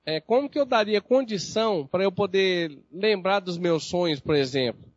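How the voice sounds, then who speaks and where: Guy in the audience asking a question, kinda high voice, hesitant, dry dull sound. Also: expressive, normal speed, no echo. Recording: dry, slightly dull recording.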